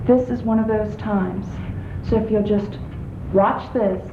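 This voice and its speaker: A woman announcing in a slow deadpan on a comedy show. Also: mid-range voice, background noise. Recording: tinny echoey lo-fi recording.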